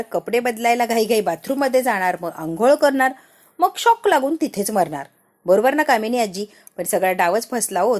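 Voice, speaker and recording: A woman voicing a sharp-tongued young woman in a retold family serial, laying out accusations with pointed questions. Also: on the high side.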